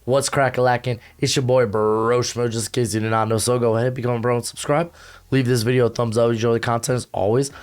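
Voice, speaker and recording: A hoarse young man with a mid-range voice hosts a casual college football rankings show, talking to camera from a home setup with a humidifier. He's a college football analyst and channel host, delivering energetic, slangy commentary with rapid asides and lots of fillers.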